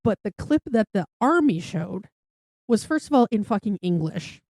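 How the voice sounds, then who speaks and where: A woman's voice: medium pitch, big pitch swings, normal speed, a little mellow, no echo. A woman co-hosting a podcast in casual chat, swearing freely and saying "like" a lot. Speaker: podcast co-host.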